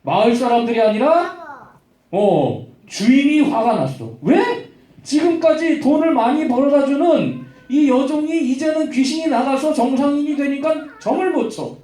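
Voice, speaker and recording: A man preaching a Sunday-school sermon, telling a Bible story with lively animation and quizzing the children by name. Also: very high voice, measured pace, distant mic. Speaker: children's pastor. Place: church hall. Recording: roomy church hall, voice from afar.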